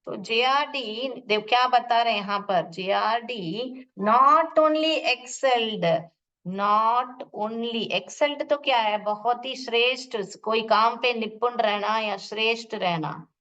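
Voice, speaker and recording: Woman, English teacher in a classroom, slightly high voice, unhurried lesson delivery, dull audio from across the room. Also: fairly bright tone, far from the mic. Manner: explains word by word, asks and answers her own questions; spells out and sounds out pronunciation slowly.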